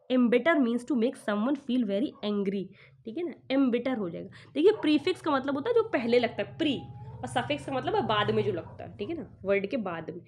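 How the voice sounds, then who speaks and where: Brief: woman exam tutor with a fairly high voice, walks through questions one by one, reads the English slowly, explains in Hindi. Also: darkish tone. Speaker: exam prep teacher.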